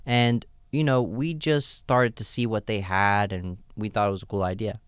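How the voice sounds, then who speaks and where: As an interview guest, a man who owns a store replies in a smooth, lowish voice at normal speed, easygoing and loose with many fillers, "right?" tags and "you know". The sound is dry and clean, studio quality.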